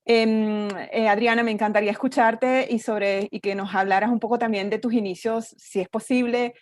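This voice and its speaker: A woman's voice: fairly high pitch, fairly even intonation, moderate pace. A woman moderating an online panel, asking questions courteously and hesitantly.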